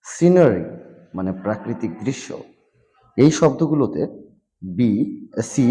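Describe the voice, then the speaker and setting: Man, English teacher, slow repetitive explanation, mellow dark voice, long hall echo. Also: on the low side. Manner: repeats each word and its meaning, mixing in English phrases. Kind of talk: slow classroom explanation of vocabulary.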